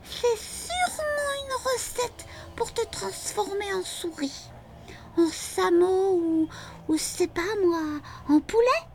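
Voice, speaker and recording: A little girl with a very high, thin voice who is fearful and tearful. Her words tumble out in quick, breathless bursts that sound close to crying. A faint hiss sits under the voice. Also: animated, full character voice. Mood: scared, breathless. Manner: breathless, rushed, near tears. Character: shy, frightened little girl friend.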